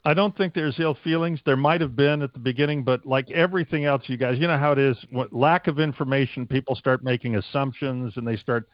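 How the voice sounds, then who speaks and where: A man's voice: mid-range voice, brisk, few pauses, dry recording, muffled recording. A man from the United States who works as a stadium announcer, answering interview questions casually and wordily, with stops and starts.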